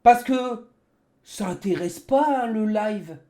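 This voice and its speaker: A raging gamer man rants on his livestream in an indignant, sarcastic way. His intonation is lively and swings widely, and he repeats phrases for emphasis. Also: high-pitched, slow pace. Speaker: livestreamer, sim racing gamer. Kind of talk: angry livestream rant.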